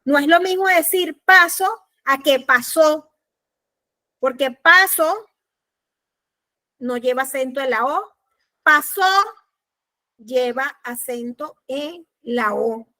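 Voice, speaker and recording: Slow, bright-voiced woman lecturing. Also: high-pitched. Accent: Panamanian Spanish. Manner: slow, deliberate, repeats key points. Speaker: law lecturer. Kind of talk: recorded class lecture.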